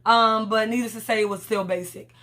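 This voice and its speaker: A woman's voice: fairly high pitch, fairly even intonation, brisk, bright, forceful tone. Blunt, profane woman recapping a reality show. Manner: candid, blunt, profane, rambling.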